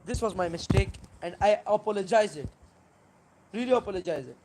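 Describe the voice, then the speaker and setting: Halting Pakistani-accented live streamer, emphatic in bursts. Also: mid-range voice, noisy background. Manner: halting, repetitive, with searching pauses and emphatic bursts. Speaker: live stream host replying to a viewer. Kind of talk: unscripted religious argument to viewers.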